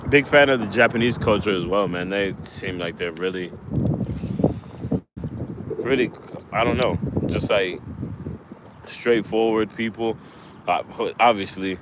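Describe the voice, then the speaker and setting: A man's voice: lowish voice, measured pace, pauses often. A man chatting casually on a live stream while fishing outdoors, rambling with lots of fillers and restarts. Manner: rambling, laid-back, many fillers and restarts. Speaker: livestreaming angler. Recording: wind noise on the mic outdoors.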